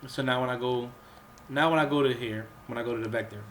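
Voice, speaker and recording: Talking fast through a game's crafting menus, a sick gaming channel host rambles with many fillers and restarts, pausing to cough and clear his throat. His medium-pitched voice has fairly even intonation, sounds a bit off from the cold, and carries slight background noise.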